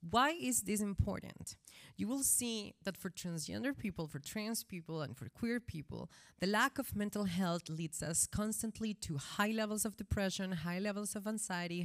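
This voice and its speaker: Brief: woman from Colombia, lower-pitched, passionate panel explainer. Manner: explanatory, rhetorical questions, passionate. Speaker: panel speaker. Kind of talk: panel discussion. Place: conference room.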